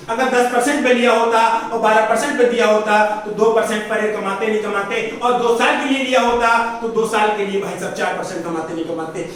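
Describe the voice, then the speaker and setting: A man's voice: high-pitched, fairly bright tone. A man teaching a maths lesson, repeating each question back to his students as he works through the sums. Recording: roomy echo, far from the mic, faint hiss.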